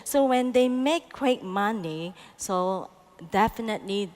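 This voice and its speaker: A woman team leader giving a measured panel answer, often pausing with "you know". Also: medium pitch, animated, a little mellow, big-room sound, faint music behind.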